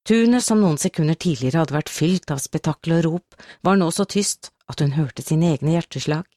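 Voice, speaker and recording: A woman narrating a novel as an audiobook, in a steady, measured storytelling manner. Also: low-pitched, dry recording, clean studio sound. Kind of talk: scripted narration.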